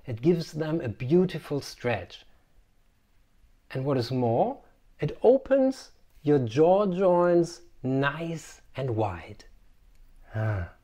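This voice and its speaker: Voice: medium pitch, sing-song, very slow, pauses often, warm tone. An articulation coach presenting an instructional video, speaking precisely with playful asides.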